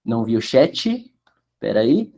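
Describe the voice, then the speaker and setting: A man's voice: mid-range voice, very animated, slow pace, creaky, mellow. A man teaching Italian pronunciation in an online class, explaining with a sing-song lilt and checking the chat.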